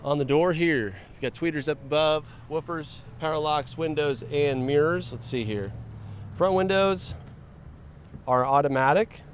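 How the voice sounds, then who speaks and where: A man's voice: a little high, measured pace, slight background noise. A man giving a casual, chatty walkaround of a car for a dealership, making offhand remarks to himself as he moves from outside the car to its cabin. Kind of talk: casual vehicle walkaround narration. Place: outdoors around a car, then inside it.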